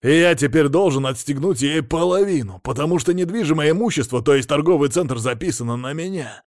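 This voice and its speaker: A man voicing a rude, angry middle-aged male millionaire who blusters and shouts in a hoarse voice. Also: on the high side, lively intonation, brisk, no room sound, studio quality, voice pushed up, natural voice. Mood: furious.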